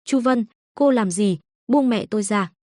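A woman voicing a hot-tempered yelling husband. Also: a little high, a little slow, no echo, clean studio sound, close to an everyday voice. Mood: furious. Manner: yelling and furious.

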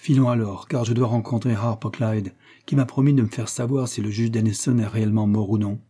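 Reader voicing a veteran army scout, calm command, dark husky tone, audiobook. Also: male voice, on the low side, fairly quick. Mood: steady.

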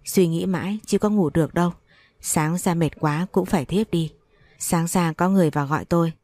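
Close-miked and dry with no surrounding room sound, a female audiobook narrator relates a first-person story. She speaks fairly quickly in a calm, even manner, her voice low and mellow.

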